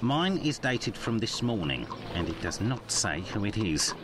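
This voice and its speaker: A man's voice: on the low side, very animated, unhurried. A man playing a timid, obliging male building caretaker in a video game, chatty and a little nervous. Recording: game audio with street noise.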